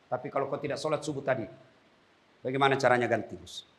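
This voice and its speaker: A male preacher giving a lively, humorous sermon to prison inmates, animated and emphatic, speaking bluntly and directly to his listeners. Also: medium pitch, quick pace. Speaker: Islamic preacher.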